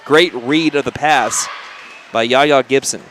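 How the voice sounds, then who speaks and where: Oklahoma guy doing radio play by play, fast chatty calls, a little gym noise behind. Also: mid-range voice, crowd noise. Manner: quick, chatty, jokey asides. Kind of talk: play-by-play commentary.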